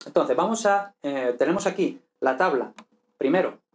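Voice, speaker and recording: Male online teacher, slightly raised pitch, methodical explainer, frequent fillers and tag questions. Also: lively intonation, moderate pace. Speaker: language teacher. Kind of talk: online grammar lesson.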